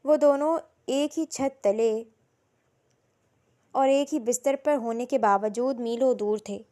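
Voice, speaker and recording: A woman reading a romance novel aloud in slow, emotional storytelling narration. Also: a little high, mellow.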